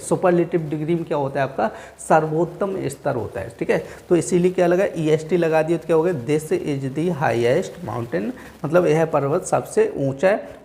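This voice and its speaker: "Theek hai" and "aap log dhyan rakhen" come up again and again from this man teaching English grammar in Hindi, his Indian English accent shaped by Hindi. His voice is on the high side, a little mellow, with vocal fry, and he reads example sentences word by word.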